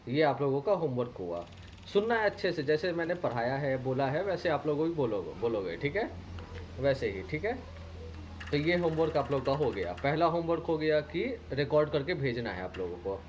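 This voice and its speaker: With an Indian accent, a man teaches a primary school English lesson, reading a children's story slowly and repeating words before spelling them out letter by letter. His voice sits a little high with big pitch swings and a darkish tone. The audio is poor, with a little hiss or hum.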